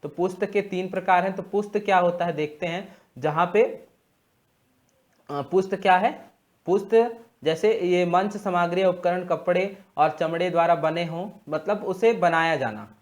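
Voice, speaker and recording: A young man lectures exam students in a slightly high voice. He explains slowly and repeats key terms, with frequent pauses as he works through his points. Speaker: exam prep teacher.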